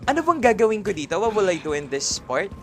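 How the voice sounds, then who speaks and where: A man's voice: sits high, big pitch swings, a little fast, fairly bright tone, soft background music. A man with a Filipino accent doing livestream gameplay commentary, greeting chat viewers by name and mixing Tagalog and English. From Philippines. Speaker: streamer.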